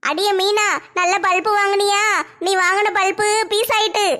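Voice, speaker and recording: A woman playing a sharp-tongued young daughter-in-law in a family comedy skit, shrill and scolding. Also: little pitch movement, normal speed. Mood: taunting.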